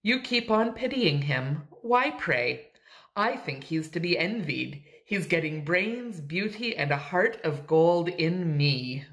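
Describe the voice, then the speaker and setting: A woman's voice: on the low side, lively intonation, slow, fairly bright tone, full character voice. A woman reading aloud, voicing a bold, slangy young woman in a raised, emphatic voice. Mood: teasing.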